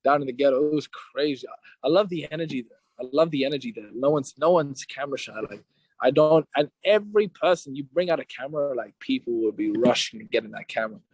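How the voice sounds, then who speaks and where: A young man from Kenya, a rapper, telling stories in a relaxed, joking way in a casual podcast chat. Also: medium pitch, fast, breathy edge, no echo, low-quality recording. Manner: laid-back, joking storyteller. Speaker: guest rapper.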